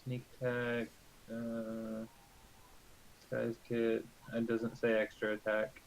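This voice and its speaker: A man's voice: medium pitch, monotone, takes it slowly, poor audio. A man with a mid-range voice plays a tabletop game, eager and full of questions about his turn. A faint hiss runs under the recording. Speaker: player. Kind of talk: casual tabletop play.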